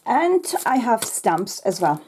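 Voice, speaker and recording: A woman from Poland with a Polish accent, a slightly croaky voice and an earnest manner, hosting a crafting tutorial. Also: a little high, big pitch swings, slow pace, a little hiss or hum. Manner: warm, earnest, many fillers. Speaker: craft channel host.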